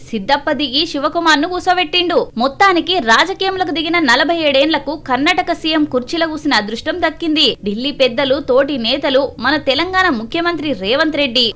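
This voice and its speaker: Fast, bright-voiced woman with a Telangana accent. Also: high-pitched. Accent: Telangana Telugu. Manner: teasing, quick comic retorts. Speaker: satirical news co-host. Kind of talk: scripted comic banter.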